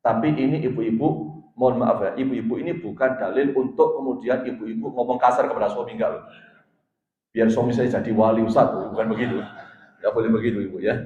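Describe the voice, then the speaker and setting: Guy preaching at a mosque, mid pitch, gets loud n emphatic, roomy muffled sound. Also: fast talker. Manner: animated, rising to loud emphatic peaks, asks listeners directly. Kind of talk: mosque sermon after dawn prayer. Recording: roomy, dull mosque PA recording.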